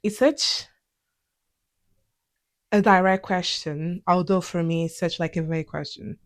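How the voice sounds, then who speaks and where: A young adult woman, a native Portuguese speaker with a Portuguese accent, hosts a personal vlog where she talks candidly and reflectively in a conversational way. Her voice is lowish, steady, and unhurried.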